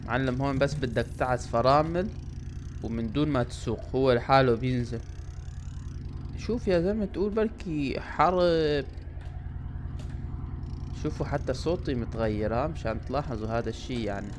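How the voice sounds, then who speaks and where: A man in his twenties with a Levantine Arabic accent, doing excitable let's-play commentary for his channel, swinging between loud outbursts and low muttering. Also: fast talker, background noise. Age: 20s. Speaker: gaming YouTuber. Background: loud game music.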